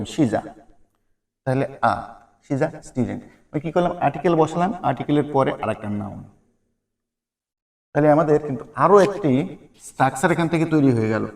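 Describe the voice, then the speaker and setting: A man teaching a spoken English lesson, patiently repeating example sentences slowly. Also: on the high side, a little mellow.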